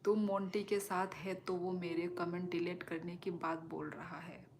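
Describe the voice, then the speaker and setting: A woman's voice: on the low side, little pitch movement, a little slow, vocal fry, noisy background. A woman on a live stream, talking casually in a chatty way with many filler words and reading out viewer comments to answer them.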